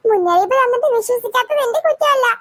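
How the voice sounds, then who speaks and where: A woman's voice: very high voice, lively intonation, racing, no echo, studio quality. A woman voicing a menacing young ghost girl. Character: spooky young female ghost, teasing and menacing. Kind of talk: cartoon voice acting.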